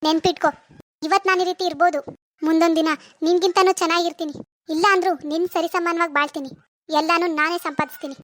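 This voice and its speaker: A woman voicing a proud young woman who answers her sister's taunts with indignant vows in an animated cartoon. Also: very high-pitched, fast. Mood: defiant. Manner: indignant, sharp, defiant.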